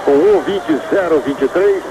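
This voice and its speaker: A man's voice: on the high side, measured pace. A man with a Brazilian accent giving live motorsport commentary of a qualifying session. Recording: loud engine noise behind the voice. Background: racing car engines and track noise.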